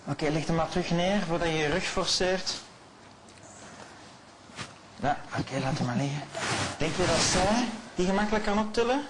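A man working as a stage hypnotist, repeating slow, soothing suggestions and often dropping his voice to a hush. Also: high-pitched, animated, heavy background noise. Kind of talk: hypnosis show patter.

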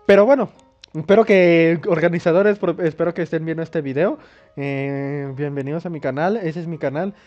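Faint game music plays under a dull lo-fi mic as a young Mexican gaming YouTuber reads a video game's dialogue aloud, joking crudely and swearing a lot. He talks at normal speed in a voice on the high side.

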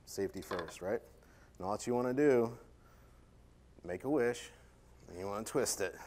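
This chef's voice is fairly low, a little mellow, at normal speed. He gives a live cooking demo keynote on a conference stage, cracking jokes at his own expense and chatting playfully with the audience.

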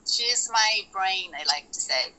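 A woman in her thirties from Brazil, presenting her company on a video call in a loose, halting way with many fillers. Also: medium pitch, lively intonation, sharp tone, poor audio. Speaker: company founder presenting to members. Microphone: laptop mic on a video call.

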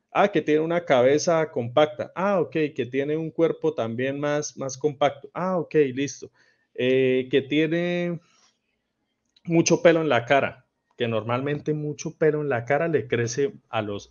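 A man's voice: medium pitch, a little mellow, dull audio. A man with a Colombian accent teaching a live online dog grooming class, quizzing viewers and reading out their answers. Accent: Colombian Spanish.

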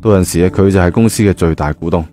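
Racing along in a dark, low-pitched voice, a man with a Cantonese accent narrates a novel. He keeps it conversational and colloquial, using frequent spoken particles, while background music plays.

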